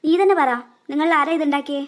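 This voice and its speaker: A woman performs cartoon dialogue, scolding and expressive. Her voice sits high and her delivery is quick and lively. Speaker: cartoon voice actor, narrating several characters.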